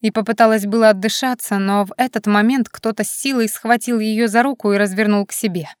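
A woman narrating a romance novel audiobook in an expressive, dramatic reading style. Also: mid-range voice, a little fast, smooth, no room sound. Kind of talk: scripted narration.

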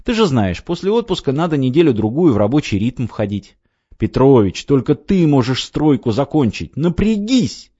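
A man reading an audiobook, voicing a pushy, scheming male construction director who coaxes and urges loudly. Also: medium pitch, big pitch swings, moderate pace, breathy edge, no echo, muffled recording, pitched above the performer's own voice. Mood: urgent coaxing. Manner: coaxing, urgent, exclamatory.

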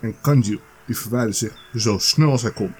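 A man's voice: on the low side, moderate pace, husky, faint music behind. A man hosting a podcast, reading a fairy tale aloud in a casual way with the odd stumble. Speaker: podcast host.

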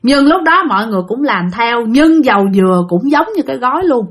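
A woman tells a ghost story casually. Her voice sits high, and she chats along while often speaking straight to her listeners. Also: expressive, brisk, breathy edge. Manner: chatty, addresses listeners directly.

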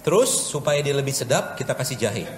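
A man's voice: medium pitch, big pitch swings, brisk. A man, a doctor, giving a chatty, joking live health talk with a cooking demo to an audience in a large hall. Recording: echoey hall with room noise.

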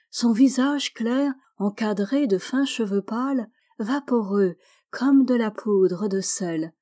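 A woman reading a literary story aloud in a slow, gentle, measured way. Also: medium pitch.

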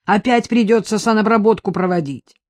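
A woman voicing a gruff middle-aged male police sergeant who scolds loudly. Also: mid-range voice, a little fast, dry recording, pitched above the performer's own voice, natural voice. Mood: scolding. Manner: stern, scolding, loud.

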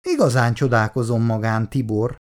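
In a storybook reading, a bass-voiced reader plays a proud, touchy young woman who delivers sharp, indignant lines.

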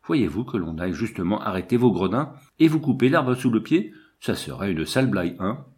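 A man's voice: on the low side, sing-song, a little fast, darkish tone. A man reading the part of a small, self-important provincial police commissioner in an audiobook. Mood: bluff, chatty. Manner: chatty, self-important, confiding.

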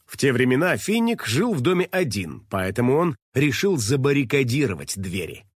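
A man narrating a children's story in a lively, playful way. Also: mid-range voice, normal speed, slightly rough, no room sound, clean studio sound.

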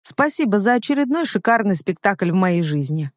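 A woman's voice: medium pitch, very animated, moderate pace, no echo, close to an everyday voice. A reader voicing a stubborn, hurt young woman in a storybook reading, pleading and emotional, in a dry recording. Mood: defiant.

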